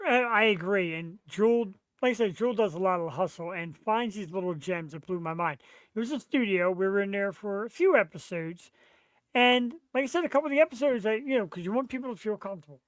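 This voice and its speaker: A man, chatting casually as a podcast host in an excitable, slangy, rambling way. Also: high-pitched, brisk, no room sound, rough recording. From Philadelphia, USA. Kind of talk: casual live podcast chat.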